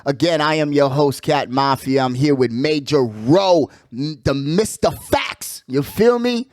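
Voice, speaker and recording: This man hosts a sports show, and his voice sits on the high side with lively intonation, a little slow and a little mellow. The recording is clean studio sound with no room echo. He talks in casual slang like a hype man, pumping up his points, repeating phrases for emphasis and dropping frequent check-in phrases.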